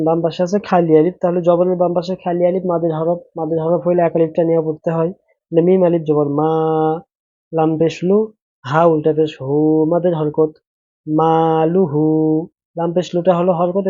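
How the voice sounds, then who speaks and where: A man's voice: a little high, no room sound, narrow, tinny audio. A man teaching Quran reading in Bangla, spelling out letters and vowel marks in a patient, repetitive drill and asking rhetorical questions as he explains. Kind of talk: Quran recitation lesson.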